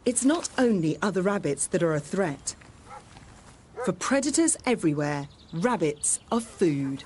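Low-voiced woman narrating a nature documentary. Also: sing-song, a little slow, a little mellow, slight background noise.

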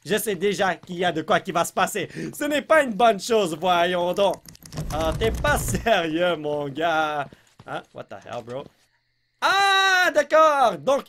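High, lively Québécois gamer man. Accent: Québécois French. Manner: excitable, blurts English exclamations, yelps when startled. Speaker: let's play host. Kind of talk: gameplay commentary.

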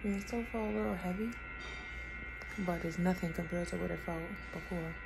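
A woman's voice: on the low side, fairly even intonation, a little fast, gravelly, loud music behind the voice. A young adult woman talking casually to her vlog, sounding weak and weary as she recovers from surgery, holding a phone at arm's length indoors. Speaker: vlogger. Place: small indoor rooms with bare walls. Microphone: phone held at arm's length. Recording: noisy handheld phone audio.

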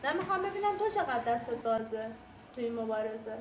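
A woman with a high voice presses with question after question, insistent and unrelenting. She is heard in an echoey room with clear background noise. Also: lively intonation. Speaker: documentary filmmaker. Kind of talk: tense negotiation in casual talk.

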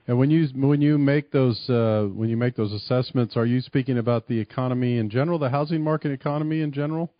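A man's voice: medium pitch, fast talker, few pauses, no room sound, highs cut off. Man hosting a radio talk show. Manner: casual, friendly questions with fillers.

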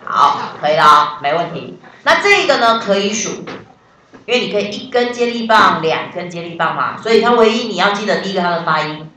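A woman's voice: lowish voice, a bit bright. A woman English teacher, explaining vocabulary step by step and quizzing her students in class. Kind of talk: classroom lesson. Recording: very echoey classroom, voice from far off.

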